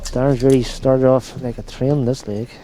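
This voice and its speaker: A man's voice: mid-range voice, level tone, normal speed, mellow, a little hiss or hum, low-quality recording. A man giving conversational live commentary on a darts match.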